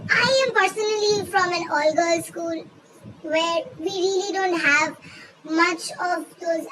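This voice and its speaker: Female host, squeaky chipmunk cartoon voice with pitched-up effect, extremely high; informal, rambling commentary over clear background noise. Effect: pitched-up chipmunk filter. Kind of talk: casual commentary reading online posts aloud.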